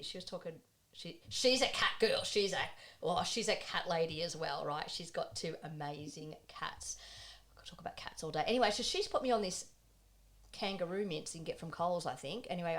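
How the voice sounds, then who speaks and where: A woman's voice: on the low side, fairly bright tone. A middle-aged woman co-hosting a casual chat show, talking in a rambling way and restarting her sentences often. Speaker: co-host.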